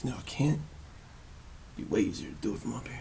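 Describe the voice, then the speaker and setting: A man's voice: medium pitch, sing-song, quick pace, gravelly. A man working on his car outdoors in the cold, talking dryly and cursing when a part fights him. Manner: dry, laid-back, curses under strain. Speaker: channel host doing car work. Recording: loud noise, outdoor camera audio.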